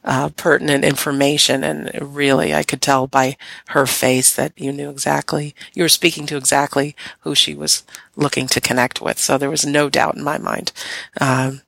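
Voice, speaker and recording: A woman's voice: extremely low pitch, level tone, moderate pace, vocal fry, a bit bright, dry recording. A woman hosting an online radio show, giving an upbeat scripted introduction and then chatting with enthusiasm in an interview.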